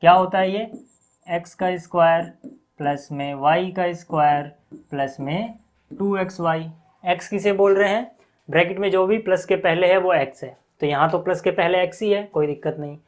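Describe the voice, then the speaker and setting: A man with an Indian accent teaching a maths lesson, explaining each step slowly and asking questions back to his students. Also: high voice, low-quality recording. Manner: repeats questions back to students, frequent check-ins.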